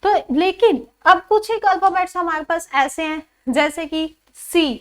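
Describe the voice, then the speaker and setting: A woman teaching English pronunciation to a class. She asks questions and answers them herself, and repeats each example word slowly. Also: very high-pitched, a bit bright. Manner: calls the pupils "children", says "ji" often.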